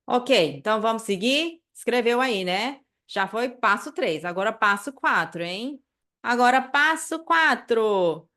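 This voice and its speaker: Slow, patient Brazilian woman teaching. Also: on the high side, lively intonation, sharp tone. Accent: Brazilian Portuguese. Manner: patient, repeats phrases slowly, checks in with tag questions. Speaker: language teacher. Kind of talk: online language lesson.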